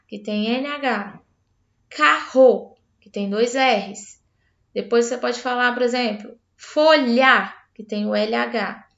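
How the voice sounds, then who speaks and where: A Brazilian woman teacher explaining a literacy lesson for parents step by step, talking straight to the viewer. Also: a little high. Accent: Brazilian Portuguese. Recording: roomy, slightly dull sound.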